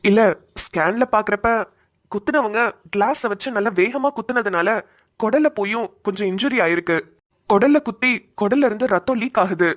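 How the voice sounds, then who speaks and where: Woman doing a cartoon doctor, calm and gentle, explains slowly and reassures, mid pitch, plain voice. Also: close to an everyday voice. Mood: calm explaining. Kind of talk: cartoon voice acting.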